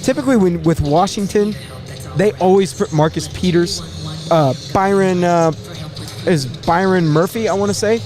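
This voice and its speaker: A man hosting a casual live sports draft show, thinking aloud in a halting way and repeating words as he goes. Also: high-pitched, a little mellow, faint music behind.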